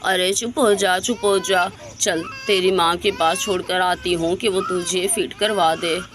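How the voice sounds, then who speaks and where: A woman's voice: fairly low pitch, steady tone, measured pace, natural voice. A woman voicing a suspicious, scolding older mother-in-law in a doll story. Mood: worried, fussing. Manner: scolding, bossy. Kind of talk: storybook voice acting for a doll video.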